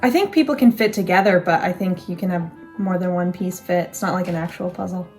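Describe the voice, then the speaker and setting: A woman's voice: fairly low pitch, brisk, darkish tone, faint music behind. A young woman in casual chat, thinking aloud in a reflective, rambling way with restarts. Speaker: co-host.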